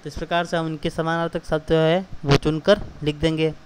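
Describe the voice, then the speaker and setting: A man's voice: a little high, flat delivery, fairly quick, noisy background. A male teacher patiently explaining a school exercise to children, glossing each word and repeating key terms.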